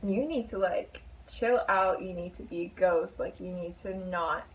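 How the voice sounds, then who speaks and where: A woman's voice: lowish voice, measured pace, recorded from a distance, lightly acted, low-quality recording. Woman doing a stern warlock guy, bossy and firm.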